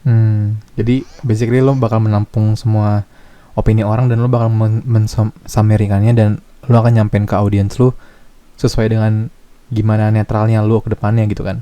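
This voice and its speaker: Brief: young male podcast host, Jakarta slang accent, low mellow voice, dry close sound, loose and searching. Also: moderate pace, smooth, dry recording. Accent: Jakarta slang Indonesian. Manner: relaxed, searching for words with fillers. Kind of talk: casual chat.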